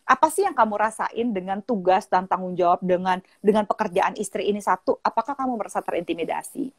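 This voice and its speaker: A woman hosts a lively advice chat from her phone. She tosses in English phrases and acts out the lines she quotes. The sound is dry and close. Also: mid-range voice, fast talker, no room sound. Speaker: host and sexologist. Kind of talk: casual advice chat on a live stream. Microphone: phone mic on a live video call.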